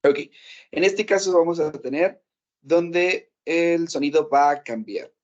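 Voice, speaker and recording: A man's voice: a little high, takes it slowly, muffled recording. Man teaching English. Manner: explains step by step, checks with "¿ok?" often. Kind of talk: classroom lesson.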